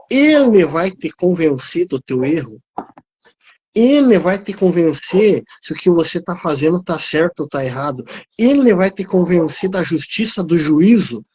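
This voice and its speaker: A man with a high, husky voice tells a heartfelt faith testimony, his pitch climbing whenever he presses a point. His speech has the cadence of preaching. The audio is dull and lo-fi, like a live stream. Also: a little mellow. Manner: emotional, preaching rhythm, rising pitch on emphasis. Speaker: guest on a live theology talk. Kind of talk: impassioned testimony.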